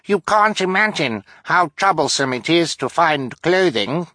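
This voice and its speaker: A man voicing a nervous boy who forces his voice high and stammers, in an audiobook. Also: animated, unhurried, pushed and bright, no room sound, studio quality, full character voice. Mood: strained.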